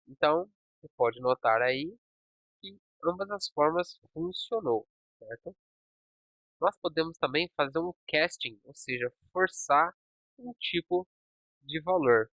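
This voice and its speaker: A man's voice: a little high, no echo, highs cut off. A man teaching programming in a screen-recorded tutorial, talking through code step by step and checking in with his listeners.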